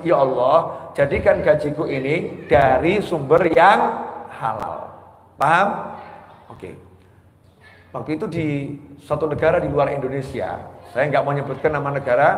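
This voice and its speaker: A man's voice: on the high side, fairly bright tone. A man preaching a sermon in a mosque, telling stories with humor and teasing his audience. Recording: echoey hall reverb.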